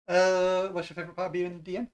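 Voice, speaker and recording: Man, a little higher voice, casual teasing questions, laid-back. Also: completely flat delivery, fast talker. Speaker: interviewer. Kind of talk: casual podcast chat.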